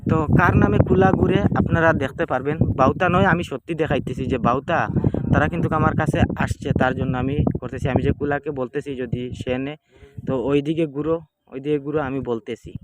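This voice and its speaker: A man, calmly explaining a folk ritual to his viewers in plain, repetitive casual speech. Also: fairly high pitch, quick pace. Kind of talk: casual spoken demonstration. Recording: clearly noisy home video.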